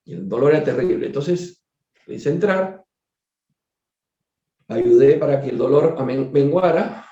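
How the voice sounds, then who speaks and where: A doctor telling a case story during a spiritist book study, conversational and digressive, repeating words and turning to his listeners with quick asides. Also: mid-range voice, animated, dark tone. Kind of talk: storytelling lecture. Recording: echoey room, dull lo-fi sound.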